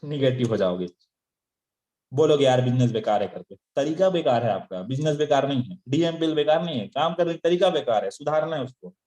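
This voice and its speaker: A man's voice: a little high, lively intonation, brisk, mellow. A man giving a motivational training talk to sales recruits, firing off rhetorical questions and scolding his listeners, with chuckling asides. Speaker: network marketing trainer. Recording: echoey room.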